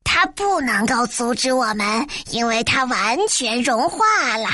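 Woman reader doing a plain-spoken scarecrow, unhurried and husky. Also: a little high, very animated, bright, forceful tone, no echo, clean studio sound, pitched below the performer's own voice, exaggerated voice. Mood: earnest. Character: earnest male scarecrow. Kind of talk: storybook reading.

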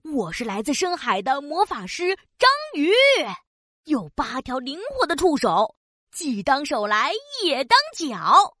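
A woman voicing a cheerful, excitable octopus magician in a children's audio story, with a theatrical, exclamatory manner. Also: sits high, unhurried, dry recording, studio quality, heavily acted. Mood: cheerful showy.

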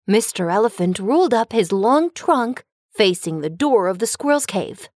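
A woman narrating a scripted children's cartoon story with a bright storytelling lilt. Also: mid-range voice, lively intonation, normal speed, no room sound, clean studio sound.

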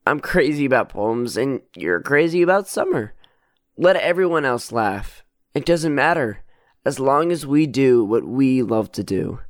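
A woman playing a soft-spoken dreamy boy poet. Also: extremely low pitch, animated, measured pace, no echo, clean studio sound, voice pushed down. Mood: wistful. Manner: soft, wistful. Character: gentle young boy who writes poems, dreamy and shy. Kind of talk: storybook reading.

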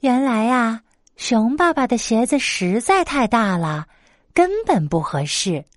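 A woman telling a bedtime story in a slow, gentle and expressive way. Her voice sits a little high and rises and falls a lot. The sound is close and dry. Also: no echo.

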